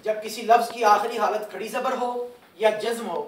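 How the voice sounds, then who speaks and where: Brief: high-pitched male teacher, patient and repetitive, recorded far off in a roomy mosque hall. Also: steady tone, normal speed. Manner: patient, repeats and quizzes students. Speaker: religious teacher. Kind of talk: Quran recitation lesson. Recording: echoey hall, far from mic.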